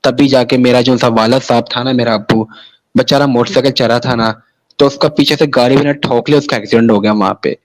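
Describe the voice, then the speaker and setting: A man's voice: medium pitch, fairly even intonation, a little fast, rough recording. A man from Pakistan, telling his personal story in an interview in a rambling way, often repeating the same tag phrases. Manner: rambling, keeps repeating "sahi hai na" and restarting phrases. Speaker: interview guest.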